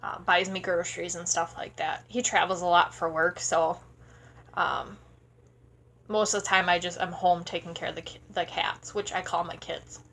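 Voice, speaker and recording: A sleepy woman in her thirties from Wisconsin rambles casually through a vlog Q&A, talking close into a tablet camera in a small room at home. Her voice sits on the low side with little pitch movement, a moderate pace and a fairly bright tone. She's chatty and full of fillers.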